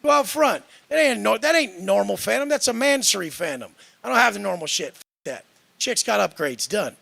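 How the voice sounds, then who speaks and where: Gravelly, cocky man ranting. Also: high-pitched, lively intonation, a little fast, fairly bright tone, no room sound. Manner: profane, cocky, dismissive. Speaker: fitness influencer in a clip. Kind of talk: brash boastful rant.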